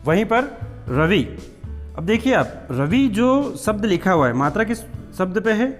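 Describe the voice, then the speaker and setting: A man's voice: sits high, big pitch swings, unhurried, in a large hall, faint music behind. A man teaching a patient, step-by-step spelling lesson, repeating words and checking that students follow. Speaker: English teacher. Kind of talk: classroom-style spelling lesson.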